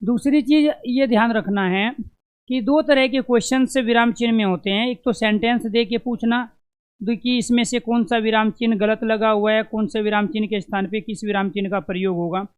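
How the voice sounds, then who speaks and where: A man's voice: high-pitched, fairly even intonation, normal speed, clear, resonant tone. A man teaching an exam-prep lesson, who asks questions and answers them himself and repeats the key terms to drill them in.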